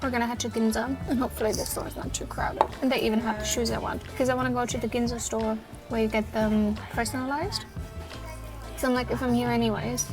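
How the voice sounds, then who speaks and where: With music in the background, a German woman in her twenties records a travel vlog on her phone camera in city streets and small eateries. She talks fast in a slightly high, steady voice, chatting casually and rambling with plenty of fillers.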